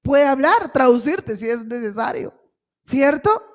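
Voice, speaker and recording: A woman missionary delivers a sermon in a high, unhurried voice, asking rhetorical questions and acting out quoted lines with rising force. Her voice carries a long reverb from the church hall. The recording sounds dull and lo-fi. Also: sing-song. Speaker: missionary preacher.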